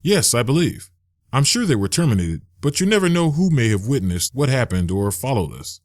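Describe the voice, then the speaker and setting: A man voicing a cautious young male assassin who answers with careful, measured words. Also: mid-range voice, sing-song, a little mellow, no room sound, studio quality, voice pushed up, natural voice.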